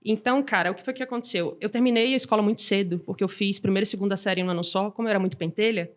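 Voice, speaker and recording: A woman, a guest telling her story in a lively, informal way. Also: mid-range voice, rapid-fire. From Salvador, Brazil. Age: 20s. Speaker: guest entrepreneur. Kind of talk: casual interview chat.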